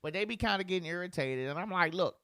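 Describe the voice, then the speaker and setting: A man's voice: sits high, expressive, fast, sharp tone, clean tone, dry recording. A man hosting a podcast in casual chat, blunt and profane, talking as a father of a preschooler. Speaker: podcast host.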